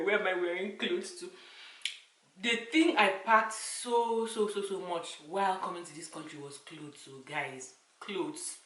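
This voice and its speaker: Bright-voiced Nigerian woman vlogger, echoey room. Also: fairly low pitch, recorded from a distance. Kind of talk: casual chat to camera, answering questions.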